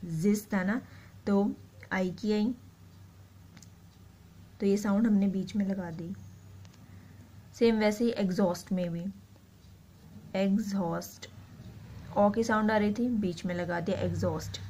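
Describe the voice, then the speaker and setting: A woman teaching shorthand, explaining slowly and repeating each word as she writes it out. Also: mid-range voice, fairly even intonation, warm tone. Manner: slow, repeats words while writing. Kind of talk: explaining a lesson.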